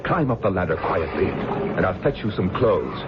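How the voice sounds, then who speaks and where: A deep-voiced sea captain, stern and guarded, questions skeptically in radio drama style. His commanding delivery rises and falls freely. The old broadcast recording is dull and noisy. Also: expressive, normal speed, over loud music. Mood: guarded, hushed.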